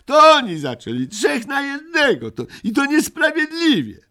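A man's voice: very high voice, huge pitch swings, moderate pace, sharp tone, voice pushed up, heavily acted. A man voicing a young male troll who is indignant and desperate, pleading and stammering.

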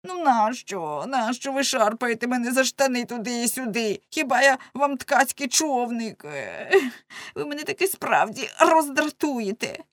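A woman's voice: fairly high pitch, lively intonation, a little slow, dry recording, voice pushed up. A woman voicing a plump, flustered middle-aged man who whines and protests indignantly. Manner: indignant, whining.

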